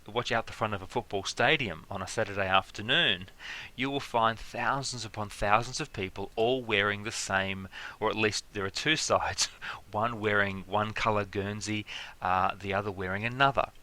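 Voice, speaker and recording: A man giving a relaxed, conversational lecture, filling pauses with fillers and stacking everyday examples. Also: lowish voice. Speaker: teacher. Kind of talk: explanatory lecture.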